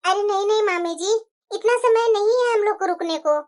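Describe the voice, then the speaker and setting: A woman's voice: very high voice, moderate pace. A woman voicing a chatty, sweet-talking married woman in a family cartoon drama. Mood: polite.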